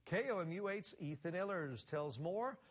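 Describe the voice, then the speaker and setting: A man's voice: high-pitched, expressive, normal speed, slightly rough. A man anchoring a local television newscast with polished, upbeat delivery. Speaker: news anchor. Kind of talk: live news anchoring.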